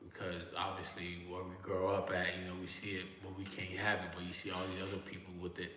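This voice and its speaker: Low-pitched and completely flat, a man from Miami speaks fast in his Miami accent, swearing and chatting loosely in slang to his livestream viewers. He's sitting in a creaky chair in an indoor room, where background noise and a long, echoey reverb fill the recording.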